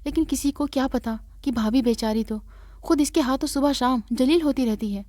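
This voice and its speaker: A woman's voice: high-pitched, warm tone, no room sound. A woman narrating a story in the first person in an earnest, plaintive way.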